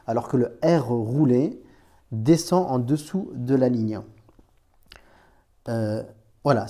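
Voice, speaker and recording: A man's voice: mid-range voice, mellow. A man teaching Arabic letters in a chatty, informal way, talking straight to the learner with many restarts. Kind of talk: informal screen-recorded lesson.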